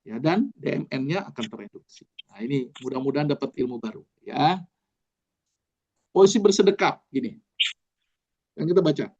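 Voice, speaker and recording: A man's voice: medium pitch, expressive, moderate pace, gravelly, pauses often, darkish tone, muffled recording, slight background noise. A man, a doctor, giving a casual online lecture, explaining step by step with frequent fillers.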